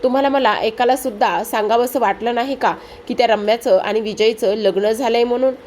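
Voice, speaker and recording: A woman's voice: fairly high pitch, fairly even intonation, brisk, darkish tone, slight background noise, natural voice. A woman voicing an angry middle-aged father-in-law who scolds his wife with indignant questions. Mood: angry scolding.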